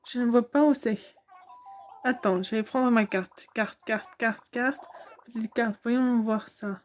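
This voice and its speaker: A woman's voice: on the high side, slow, a little hiss or hum. A woman reading aloud the lines of a chatty male cat traveler from a game, in a friendly, curious tone with plenty of questions.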